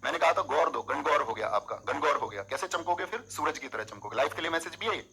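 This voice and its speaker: Bright, husky male coaching teacher. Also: on the high side, quick pace, rough recording. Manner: animated, coaxing students with memory tricks. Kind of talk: exam coaching lecture.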